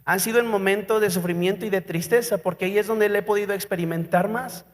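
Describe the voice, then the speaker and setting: A Mexican pastor with a strikingly high voice preaches a sermon, telling a story with drama and putting questions to his listeners. His words ring through a church hall with a long tail of reverb. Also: steady tone, fast.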